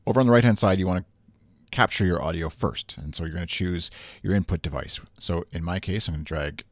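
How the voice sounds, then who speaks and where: On a studio mic through a USB interface with no echo, a young, bassy-voiced presenter talks fast through a casual screen-recorded software tutorial. He explains in a relaxed way, leaning on plenty of fillers.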